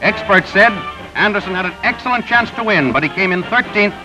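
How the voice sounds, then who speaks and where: A man reading scripted newsreel narration in a brisk announcer delivery, heard through an old 1930s newsreel soundtrack. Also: high-pitched, animated. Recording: dull lo-fi 1930s newsreel with music. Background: music bed.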